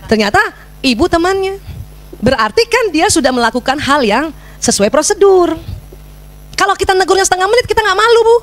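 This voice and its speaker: A middle-aged woman giving a religious parenting lecture, lively and teasing her audience with questions. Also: extremely high pitch, a little fast, pauses often. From Indonesia.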